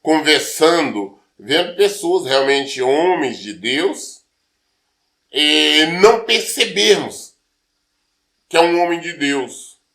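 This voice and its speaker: A man's voice: on the high side, animated, slow pace, pushed and bright. A male pastor teaching from the Bible in a loose, conversational way, acting out everyday dialogue and asking rhetorical questions. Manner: many fillers and restarts, rhetorical questions.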